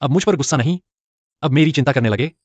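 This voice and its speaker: A young man playing a calm, reassuring hero in a dubbed drama. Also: medium pitch, fast talker, no room sound, lightly acted.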